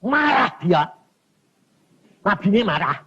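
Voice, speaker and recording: Casting note: male preacher, folksy and animated, slightly high husky voice. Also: unhurried, lo-fi sound. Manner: animated, colloquial, mixes in Javanese words. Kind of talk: sermon.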